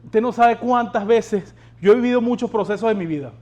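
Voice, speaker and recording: High-voiced man preaching a sermon. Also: fairly quick, a little mellow, soft background music. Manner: exhorting, asks the congregation rhetorical questions. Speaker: pastor.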